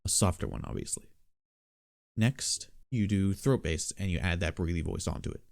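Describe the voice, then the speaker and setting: A man with a lowish, gravelly voice talks through a casual beatbox tutorial. His delivery is relaxed and matter-of-fact, like someone explaining a technique to friends. The sound is close and dry. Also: normal speed, dry recording.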